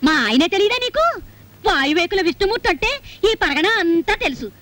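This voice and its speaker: A woman's voice: very high-pitched, lively intonation, fairly quick, fairly bright tone. An actress playing a distraught middle-aged wife who accuses, then pleads tearfully for her husband. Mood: accusing. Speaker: actress in a film scene.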